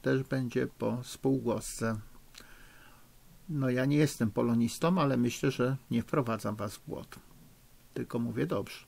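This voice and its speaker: Male teacher, middle-aged, slow and patient, gravelly, a bit husky. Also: medium pitch, a little mellow. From Poland. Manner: slow, patient, encouraging, spells out spelling rules. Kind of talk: recorded remote lesson for children. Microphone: recording for a lesson video.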